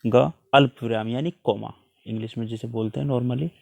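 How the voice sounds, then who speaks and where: A man's voice: mid-range voice, fairly even intonation, moderate pace, gravelly, darkish tone. A man teaching a worksheet lesson to children, patiently explaining with repeated examples.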